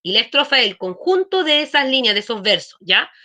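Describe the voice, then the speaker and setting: A woman's voice: fairly high pitch, sing-song, brisk, sharp tone. A woman teaching an online class, explaining patiently and checking in with frequent questions. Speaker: schoolteacher.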